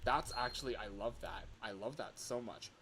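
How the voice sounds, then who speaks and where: Showing off his in-development game on a livestream, a man talks casually in a mid-range voice at a moderate pace. He thinks out loud and repeats his phrases, with clear background noise and clicking behind him.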